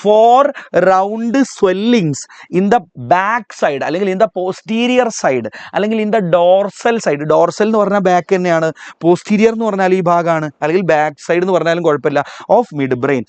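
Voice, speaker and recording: A man teaching a live online biology revision class with a Malayali accent, calling on students to repeat terms aloud and spelling key words out slowly. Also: high-pitched, a little mellow, clear, resonant tone, dry recording.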